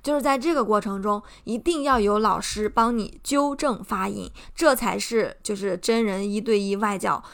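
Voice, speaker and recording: Young woman host with a gravelly voice. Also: medium pitch, moderate pace, hardly any pauses. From China. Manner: earnest, encouraging, explains step by step. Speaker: podcast host. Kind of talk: casual advice talk.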